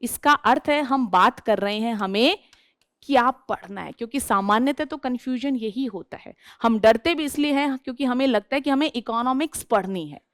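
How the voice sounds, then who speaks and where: A woman's voice: a little high, moderate pace, dry recording, clean studio sound. A woman teacher giving a classroom lecture who keeps asking her class questions and then answering them herself.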